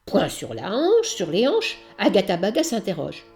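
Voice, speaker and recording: A woman narrating a children's storybook aloud in an expressive, lively way. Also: mid-range voice, moderate pace, faint music behind.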